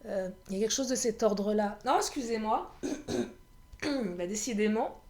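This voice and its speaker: A woman with a hoarse voice giving a chatty card reading for viewers, often laughing at herself and clearing her throat. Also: medium pitch, normal speed, a little mellow. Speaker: tarot card reader. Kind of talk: card reading guidance video.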